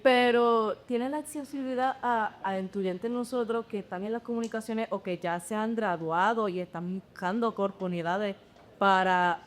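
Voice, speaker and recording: A young woman, a student in the audience, asks the panel a question. She hesitates and mixes in English words as she speaks, with an ordinary pitch. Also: normal speed.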